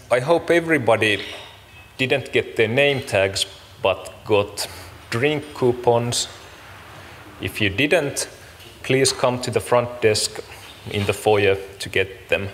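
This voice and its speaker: A man with a fairly low voice speaks as an event host, running through housekeeping in a casual, slightly apologetic manner. The recording has long hall reverb and clear background noise. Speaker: event organiser and host opening a summit. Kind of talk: informal conference welcome with practical announcements. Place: large conference room, speaking to an audience.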